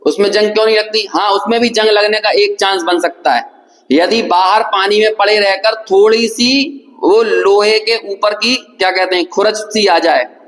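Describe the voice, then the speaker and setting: A man's voice: high voice, normal speed, fairly bright tone. A man from India giving a scripture lecture in a hall, explaining with questions and repeated examples. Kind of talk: scripture lecture with chanted verses. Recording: echoey hall.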